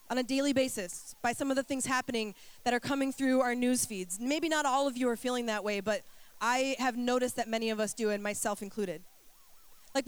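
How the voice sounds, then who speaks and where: A woman's voice: on the high side, no room sound. A woman pastor with a bad cold and a blocked, nasal voice, speaking casually and informally to her congregation. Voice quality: stuffy, nasal, as if nose packed. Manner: informal, self-deprecating, joking with congregation. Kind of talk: casual, conversational sermon.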